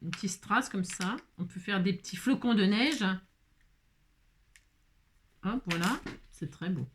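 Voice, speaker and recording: A woman's voice: medium pitch, measured pace, a little hiss or hum. A woman hosting a casual crafting tutorial, chatting and rambling with many filler words as she works.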